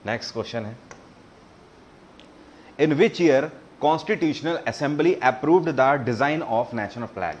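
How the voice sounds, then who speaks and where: A man teaching a live online quiz lesson, his voice sitting at an ordinary middle pitch. He reads each question out slowly, then explains it and urges viewers to answer. A faint hum of background noise runs under his voice. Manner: mixes English terms into Hindi explanation.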